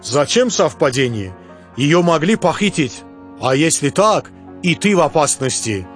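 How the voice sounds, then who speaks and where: Man doing a calm laconic man from Baku, Azerbaijani accent, higher-pitched, unhurried, storybook. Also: soft background music. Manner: terse, unhurried, broken phrasing.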